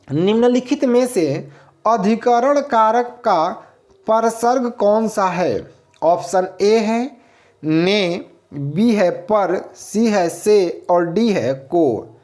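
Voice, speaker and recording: A man's voice: high-pitched, darkish tone. A man teaching a grammar lesson for exam students, explaining step by step and asking and answering his own questions.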